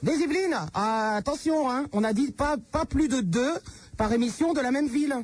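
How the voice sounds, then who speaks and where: High-voiced teasing radio host. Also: male voice, a little mellow. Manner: teasing, crude and quick-witted. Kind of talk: late-night radio phone-in banter.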